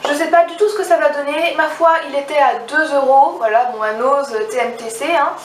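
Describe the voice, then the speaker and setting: A young woman with a high voice talks casually and eagerly about her book purchases, stumbling over her words and starting sentences again. She is recorded from a little way off in an echoey room at home, with faint noise in the background. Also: steady tone, fairly quick. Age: young adult. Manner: chatty, hesitant, restarts sentences, enthusiastic. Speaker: book vlogger. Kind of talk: casual book haul vlog. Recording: roomy, slightly distant mic, faint background noise.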